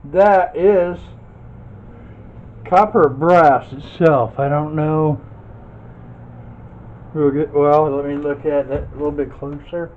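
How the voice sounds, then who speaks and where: Slow and steady, with frequent pauses, this man's voice leans high. As a video host, he works through a scrap metal teardown in a casual, folksy style, voicing his thoughts along the way. Recording quality is dull and lo-fi, with faint noise and clicks.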